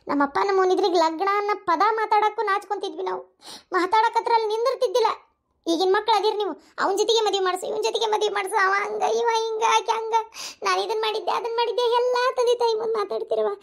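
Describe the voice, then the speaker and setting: A woman's voice: very high-pitched, steady tone, fast, vocal fry. A woman voicing a distraught middle-aged village mother in a cartoon, scolding and wailing in a North Karnataka Kannada accent. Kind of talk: cartoon voice acting.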